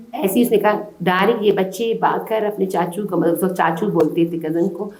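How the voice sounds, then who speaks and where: A woman's voice: lowish voice, dark tone, slight background noise. A woman from Balochistan in Pakistan, giving urgent, distressed testimony to a reporter. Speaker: interviewee. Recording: roomy echo.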